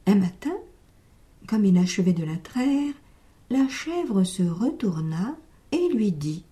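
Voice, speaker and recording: A woman telling a story aloud in a gentle, measured, expressive reading. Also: medium pitch.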